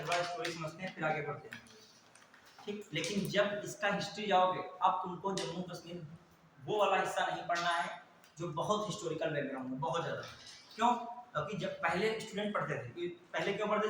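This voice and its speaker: High-voiced male teacher lecturing and quizzing students, recorded from afar in a booming room with faint noise. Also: a bit bright. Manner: quizzing, repeating key answers. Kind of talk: classroom lecture with questions to students. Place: classroom. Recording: echoey classroom from far off.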